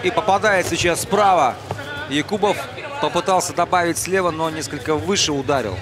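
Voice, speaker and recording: Male fight commentator, high-pitched, calling live action over heavy crowd noise. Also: fairly quick. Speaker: boxing commentator.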